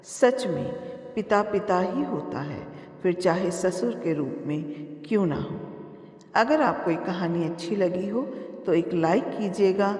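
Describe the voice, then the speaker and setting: Woman storyteller, measured and unhurried; roomy reverb, mic set back. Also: lowish voice, a little mellow. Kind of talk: narrating a moral story. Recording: echoey room, far from mic.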